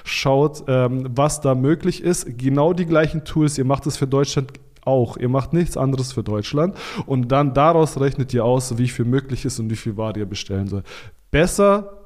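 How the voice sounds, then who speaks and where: A man's voice: mid-range voice, moderate pace, a little mellow. A man as a podcast guest, giving blunt, informal advice on selling online, with frequent fillers and restarts. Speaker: podcast guest, Amazon seller consultant. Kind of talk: casual expert interview talk.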